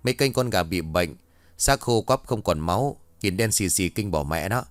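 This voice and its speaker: A man voicing a gruff village man who scolds children bluntly with coarse curses in a storybook ghost tale. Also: deep voice, lively intonation, moderate pace, dry recording. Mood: scolding.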